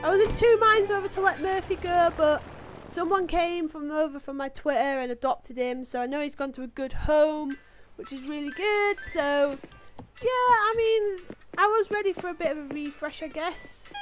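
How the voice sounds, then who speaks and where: A woman's voice: high-pitched, normal speed. A young woman with a Yorkshire accent chatting casually over her gameplay, rambling with lots of fillers. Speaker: gaming YouTuber. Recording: music playing behind the voice.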